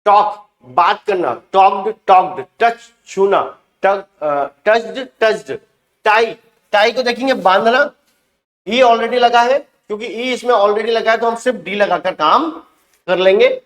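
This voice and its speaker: A man with a high-pitched voice takes learners through English verb forms in a steady drill. He says each word slowly and carefully and repeats it twice. The sound carries an echo from the room. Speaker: English teacher. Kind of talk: spoken vocabulary drill.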